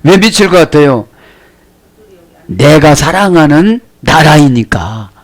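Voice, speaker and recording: A man's voice: on the high side, very animated, slow. A man, a pastor giving a Bible study sermon, explaining words one by one and asking the listeners rhetorical questions.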